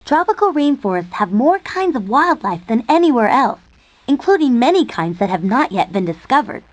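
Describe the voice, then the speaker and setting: A woman's voice: a little high, very animated, moderate pace, dry recording. A woman giving scripted narration for an educational nature program.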